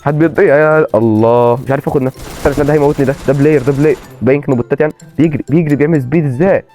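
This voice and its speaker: A man with an Egyptian accent commentating his own gameplay and repeating excited exclamations. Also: a little high, racing, faint music behind. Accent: Egyptian Arabic. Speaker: gaming channel host.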